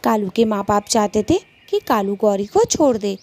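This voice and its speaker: A woman narrating a cartoon story in a plain, steady storytelling voice. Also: mid-range voice, normal speed.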